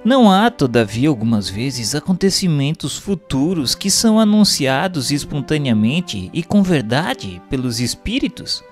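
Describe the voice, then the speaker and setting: In a scripted radio drama, a man with a Brazilian accent plays an earnest student asking formal, studied questions in an inquiring mood. His voice runs on the high side with big pitch swings, a little slow and nearly without pauses, over background music.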